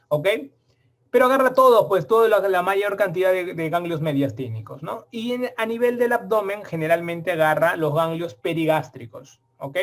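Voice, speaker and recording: A middle-aged man giving a lively, colloquial exam-prep surgery lecture, often checking in with his students. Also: on the high side. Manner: lively, colloquial, keeps asking ¿ok? and ¿ya?.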